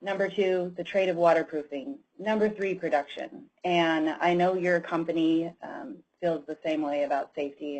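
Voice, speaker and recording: An enthusiastic woman with a low voice hosts a webinar over an online call. She is effusive, praising each speaker warmly before introducing the next. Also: slightly rough, poor audio. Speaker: webinar host. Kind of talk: hosting a webinar.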